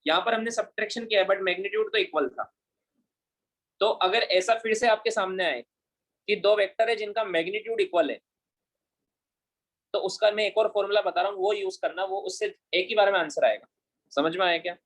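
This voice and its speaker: High-voiced male physics teacher. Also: a little fast, pauses often, fairly bright tone. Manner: keeps checking students follow, asking "understood?"; mixes English physics terms into Hindi. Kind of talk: classroom physics lecture.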